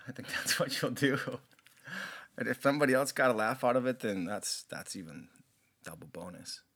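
A man's voice: mid-range voice, expressive, unhurried, long pauses, a bit bright. A man with a Minnesotan accent co-hosting a podcast, laid-back and understated, often stammering as he starts his thoughts. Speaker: podcast co-host. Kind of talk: casual podcast chat.

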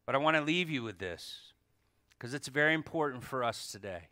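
A man's voice: medium pitch, expressive, a little fast, pushed and bright, dry recording, clean studio sound. A man preaching a sermon at a pulpit microphone. He stresses key words, repeats them, and puts rhetorical questions to the congregation. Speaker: pastor.

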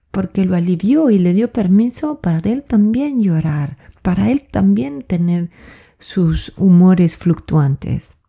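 Middle-aged woman, podcast host, deep mellow voice, reflective personal storytelling. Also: gravelly. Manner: reflective, addresses listener directly.

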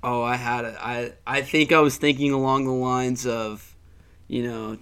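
A man's voice: mid-range voice, fairly even intonation, unhurried, clean tone. Young man hosting casual sports talk. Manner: profane, trailing off quietly. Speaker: podcast host.

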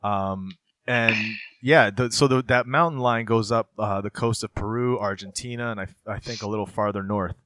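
A man's voice: lowish voice, moderate pace, fairly bright tone, no echo. A man in his thirties in casual chat, telling long meandering stories and explanations. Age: 30s.

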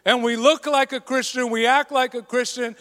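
A man's voice: extremely high pitch, steady tone, normal speed, fairly bright tone. A man preaching a sermon in an earnest, conversational storytelling way. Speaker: pastor. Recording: long reverb of a large hall.

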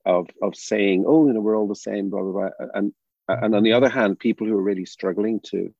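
An older Northern Irish man with a low, gravelly, husky voice that sounds dark and mellow. He talks in a reflective, halting way, with many restarts. The audio is dull and muffled. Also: dry recording. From Northern Ireland. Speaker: drama educator guest. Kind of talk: reflective interview talk.

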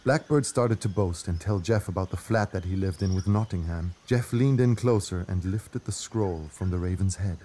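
A man's voice: deep voice, normal speed, few pauses, mellow, a little hiss or hum. A man narrating a scripted children's adventure story.

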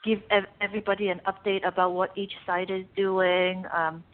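A woman's voice: medium pitch, little pitch movement, moderate pace. A woman speaking as a guest over a video call, her voice coming through a bad connection with hesitant fillers. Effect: bad, dropping call connection. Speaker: guest, art space director. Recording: tinny, phone-like video call line.

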